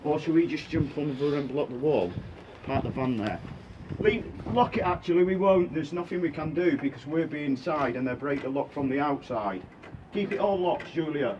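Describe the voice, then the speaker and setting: A man's voice: on the high side, normal speed. Blunt man on a noisy street. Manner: blunt, argumentative, sarcastic. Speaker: eviction resister. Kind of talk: tense confrontational street exchange. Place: outdoors at a house during an eviction. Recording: distant, muffled, very noisy street audio.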